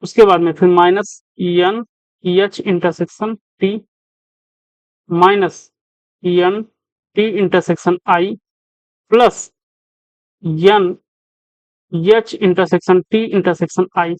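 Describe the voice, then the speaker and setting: Male coaching teacher, talks through sums, asks the class as he goes, crisp dry sound. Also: high voice, steady tone, slow, pauses often, no echo, rough recording. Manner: repeats questions to the class as he works. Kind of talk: step-by-step problem solving lesson.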